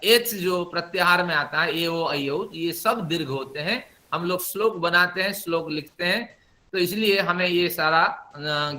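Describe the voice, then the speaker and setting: Middle-aged male recitation teacher, bright, fairly high voice, patient step-by-step explaining with chanted demonstrations. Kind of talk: spoken Sanskrit pronunciation lesson.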